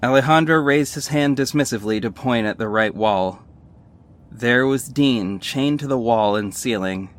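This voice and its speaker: This time the wry young superhero's scripted first-person narration of his mission turns tense. The man's voice is medium-pitched and close to everyday speech, moving at a moderate pace, with music playing behind him.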